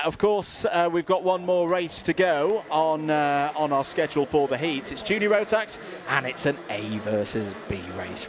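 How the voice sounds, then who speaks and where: A man with a British accent doing live karting commentary, chatty, with many fillers and restarts. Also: medium pitch.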